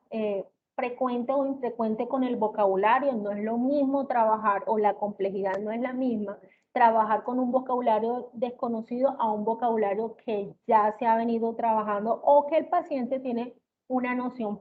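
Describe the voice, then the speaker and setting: A woman giving an explanatory lecture on therapy methods, often checking in with her listeners and filling pauses with hesitation sounds. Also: a little high. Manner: checks in with listeners with "¿ok?" and "¿sí?", many "eh" fillers. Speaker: lecturer in auditory-verbal therapy. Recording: tinny, phone-like with faint hiss.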